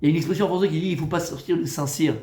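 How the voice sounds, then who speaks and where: High-voiced, teasing rabbi in an echoey room. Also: male voice, rapid-fire, slight background noise. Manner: familiar and teasing, calls listeners "Habibi", swings from loud urging to soft coaxing. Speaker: rabbi teaching a Torah class. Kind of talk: informal Talmud lesson to a live group.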